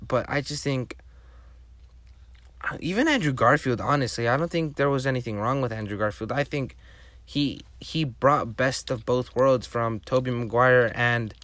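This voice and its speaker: A native Spanish speaker hosts a casual solo podcast, rambling enthusiastically and restarting his sentences many times. His voice is medium-pitched and a bit bright, recorded dry.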